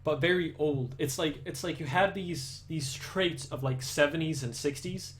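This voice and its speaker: With a Danish accent reaching for an American sound, a young man from Denmark talks casually to live stream viewers, rambling and restarting a lot. His voice is a little high, at a moderate pace.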